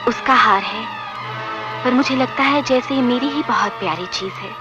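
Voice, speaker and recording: An actress playing a gentle young princess who talks in a soft, pleading way. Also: female voice, fairly high pitch, moderate pace, highs cut off, close to an everyday voice. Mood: troubled. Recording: film soundtrack with music behind.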